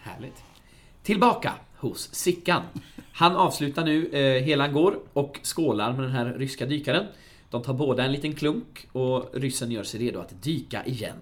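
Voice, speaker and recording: A man co-hosting a casual podcast, retelling a film scene by scene and shouting out the characters' lines. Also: mid-range voice. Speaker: podcast co-host narrating a film. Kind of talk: casual chat.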